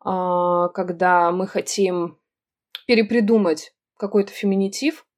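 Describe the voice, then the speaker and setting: A woman guest on a podcast, explaining at length in a thoughtful, halting way with many fillers and pauses. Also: lowish voice, steady tone. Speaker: writer and literary editor, podcast guest. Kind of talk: conversational podcast interview.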